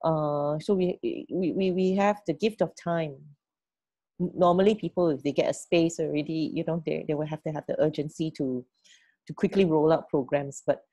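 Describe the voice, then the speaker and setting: A woman's voice: low voice, fairly even intonation, normal speed, warm tone, dry recording. A middle-aged woman leading an online team meeting on a video call, often repeating words as she thinks and checking in with "right?" and "okay?". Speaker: team leader.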